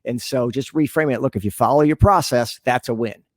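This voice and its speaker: A man with a medium-pitched voice, talking a little fast, gives earnest, conversational interview answers as a podcast guest and frequently acts out imagined dialogue. He works as a sales leader and business consultant. The recording is dry and studio-clean.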